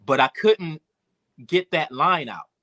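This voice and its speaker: Man, bright tense voice, candid rambling storytelling, emotional. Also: on the high side, expressive, slow. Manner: emotional, reflective, many fillers and restarts. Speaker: podcast guest, rapper and producer.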